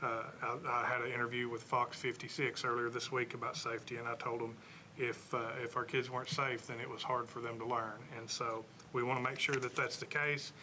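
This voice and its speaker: A man's voice: medium pitch, little pitch movement, a little fast, noisy background. A man serving as school superintendent, giving an earnest board meeting report with frequent fillers.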